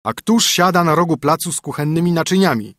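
A man's voice: a little high, lively intonation, brisk, a bit bright, no echo, studio quality, voice pushed up. A man doing a stern scolding minstrel husband. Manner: scolding, commanding. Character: stern poor minstrel husband, a king in disguise.

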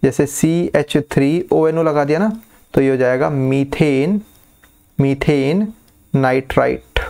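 A man teaching chemistry in a casual classroom style, repeating key terms slowly and often checking that students follow. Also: on the high side, creaky, darkish tone. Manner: coaxing, checks understanding often.

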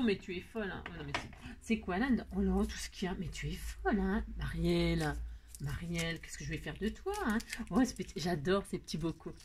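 A woman's voice: medium pitch, slight background noise. A woman crafting vlogger chatting casually while she unboxes gifts. She talks in a chatty, exclamatory way, laughs often and keeps adding little tag words.

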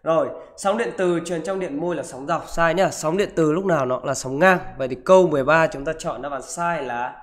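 Talking a little fast with hardly any pauses, this man leads a live online physics class, working through exam questions. His voice is on the high side, and he checks in with students nearly every sentence, asking "được chưa?" and "đúng không?".

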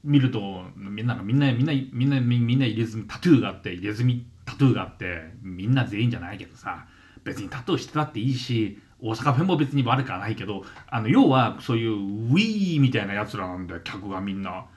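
A man's voice: fairly low pitch, expressive, fairly quick, darkish tone. A man in his fifties from Gunma, Japan, hosting his own channel and telling a story to camera in a casual monologue. He often restarts and repeats words, and briefly mimics the people he describes. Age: 50s. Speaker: channel host.

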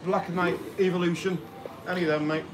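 A man, the host's friend, bantering and urging the reels on in a lively, casual way. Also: high voice, fast, background noise. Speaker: friend of the host. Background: slot machine music.

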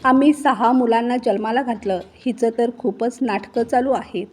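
A woman's voice: fairly high pitch, fairly even intonation, moderate pace, darkish tone, slightly rough. A woman voicing a stern older mother-in-law who gives orders and scolds in a storybook reading. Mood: scolding. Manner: commanding, scolding.

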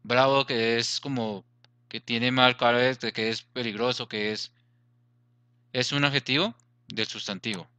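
A man's voice: mid-range voice, steady tone, a little slow, sharp tone, clean tone, dry recording. A man teaching a grammar lesson, explaining patiently, repeating points and checking that students follow.

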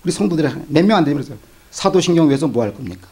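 A man preaching a revival sermon as pastor, swinging between loud exclamations and hushed asides. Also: a little high, animated, racing, husky. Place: church sanctuary.

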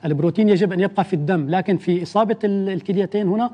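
Male physician guest, rapid measured explainer with a dark, mellow voice. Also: high-pitched. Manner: measured, explanatory, with frequent restarts. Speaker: internal medicine doctor, guest. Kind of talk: explaining medical facts in a TV interview.

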